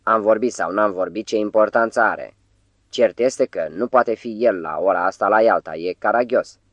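A man's voice: lowish voice, no echo, highs cut off, close to an everyday voice. A man voicing a nervous, irritable male theatre finance director in an audiobook. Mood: exasperated. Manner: jumpy, exasperated.

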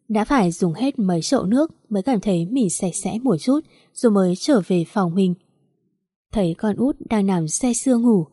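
A woman's voice: medium pitch, mellow, no echo, studio quality. A woman narrating a first-person story in a sorrowful, confessional manner.

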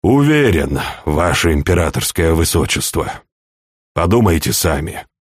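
A man voicing a shrewd, fatherly older chancellor in an audiobook, speaking in a calm, measured, persuasive way. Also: a bass voice, breathy edge, dry recording, studio quality, voice pushed down, heavily acted. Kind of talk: audiobook character reading.

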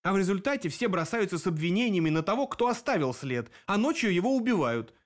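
A man's voice: high voice, big pitch swings, fast, voice pushed up. A man voicing a sly, grinning male demon detective in an audiobook, mocking and theatrical.

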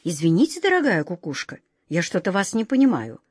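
A woman voicing a gentle, courteous male wizard who questions things with wonder. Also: fairly low pitch, sing-song, brisk, breathy edge, dry recording, studio quality. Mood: puzzled.

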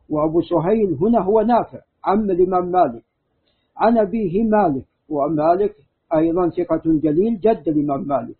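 A man with a fairly high, husky voice lectures as a scholar, walking through narrator chains in a steady, methodical way. The sound is thin and tinny, like a phone line. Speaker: hadith scholar teaching. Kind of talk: scholarly lecture with student questions.

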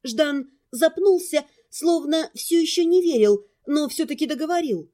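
A woman calmly narrating a first-person fantasy audiobook. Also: sits high, measured pace.

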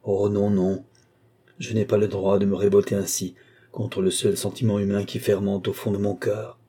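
A man's voice: lowish voice, flat delivery, normal speed, mellow, breathy edge. A man reading an audiobook, voicing a tormented male sorcerer torn between love and ambition, declaiming in passionate murmurs and outbursts. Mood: impassioned.

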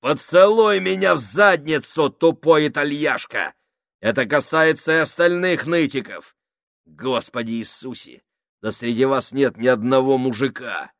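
A man voicing a crude, bullying male sailor who shouts insults and jeers at his crewmates. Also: medium pitch, measured pace, dry recording, clean studio sound, pitched above the performer's own voice. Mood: jeering.

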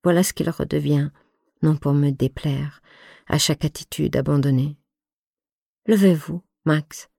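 A woman narrates a literary novel in first person, intimate and reflective. Her voice is low and mellow, slow and measured, recorded close and dry in a studio. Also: level tone, vocal fry, no room sound. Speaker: audiobook reader.

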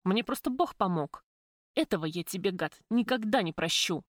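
A woman's voice: expressive, normal speed, no echo, studio quality, lightly acted. Woman voicing Lyubka, a sarcastic defiant woman. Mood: furious. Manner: sarcastic, pitched up and louder than the narrator. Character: sharp-tongued young woman, bold and defiant.

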